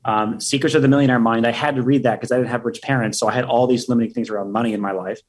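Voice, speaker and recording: A man speaking as a podcast guest in a casual interview, energetic and profane, full of hype. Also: mid-range voice, racing.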